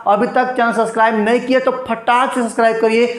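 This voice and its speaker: This Hindi-language English grammar lesson comes from a man with a very high voice and a level tone. Asking and answering his own questions, he says "understand" again and again and elongates words to reveal their sounds, with echo filling the room.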